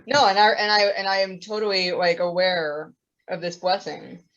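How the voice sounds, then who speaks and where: On dull, lo-fi audio, a young female podcast co-host rambles through a casual chat, using lots of filler words. She has a fairly low, fairly bright voice and speaks at a moderate pace.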